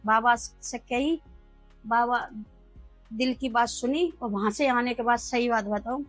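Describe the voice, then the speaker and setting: Woman, middle-aged, street food vendor, earnest storytelling, high-pitched, faint background music. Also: measured pace, rough recording. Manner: earnest storytelling, acts out dialogue. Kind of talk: emotional personal interview.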